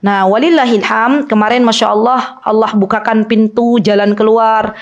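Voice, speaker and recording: A woman's voice: on the high side, fairly even intonation, normal speed, highs cut off. A woman teacher giving a conversational religious study talk, telling stories and often turning to her listeners with friendly tag words. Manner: chatty storytelling with frequent tag words to listeners. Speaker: Islamic women's study teacher.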